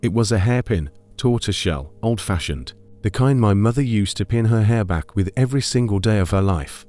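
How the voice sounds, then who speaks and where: Low-pitched man narrating a scary story. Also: animated, brisk, a little mellow.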